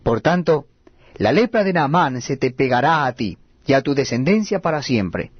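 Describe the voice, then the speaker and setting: A man reading scripture aloud at a steady, measured cadence. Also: medium pitch, slightly rough, no room sound, highs cut off. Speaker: Bible reader.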